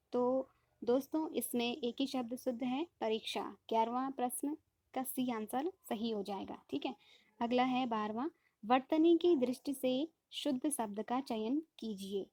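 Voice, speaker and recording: Woman online tutor, exam-prep lesson, patient and repetitive, a bit high-pitched. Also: dark tone, dry recording. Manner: patient, repeats "ठीक है?" after each point; addresses viewers as friends, explains rules step by step. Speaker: teacher.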